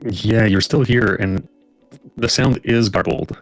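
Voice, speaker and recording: A man co-hosting a livestream, speaking haltingly with fillers as his audio comes through garbled and crackling. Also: lowish voice, no room sound, faint music behind. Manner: halting, filler-heavy, reads out chat. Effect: garbled, crackling stream audio. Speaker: livestream co-host. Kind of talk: casual livestream chat.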